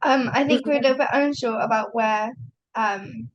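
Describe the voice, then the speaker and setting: A young woman with a high voice co-hosts a podcast in casual chat. She is losing her voice, and she hesitates often and leans on "um". Her delivery stays relaxed. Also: normal speed, lo-fi sound, slight background noise. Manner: hesitant, many fillers. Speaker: podcast co-host.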